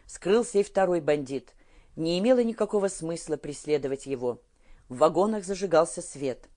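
Low-voiced woman narrating a novel. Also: normal speed. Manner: steady storytelling. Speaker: audiobook narrator. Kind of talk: scripted narration.

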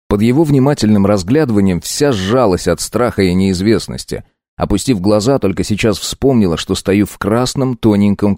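A man narrating an audiobook in a steady, measured way. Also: sits low, no room sound, clean studio sound. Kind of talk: scripted narration.

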